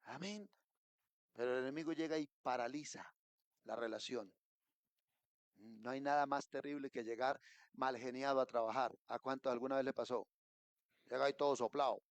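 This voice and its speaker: A middle-aged Colombian man preaching a sermon as pastor, rising to emphatic peaks and dropping to quiet asides. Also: mid-range voice, normal speed, pauses often, no echo. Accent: Colombian Spanish. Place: church.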